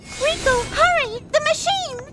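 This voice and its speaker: A woman voicing a sweet, earnest mouse princess with a squeaky, genteel way of speaking in a game cutscene. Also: a little slow. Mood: urgent. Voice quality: squeaky, high. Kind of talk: scripted video game cutscene acting.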